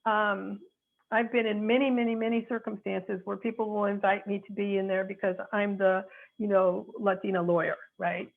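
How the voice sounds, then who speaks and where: A woman with a mid-range, flat voice and vocal fry speaks at a moderate pace over a tinny, phone-like connection. She's an attorney in her sixties from North Chicago, USA, reflecting as she offers earnest, frank advice and searches for words.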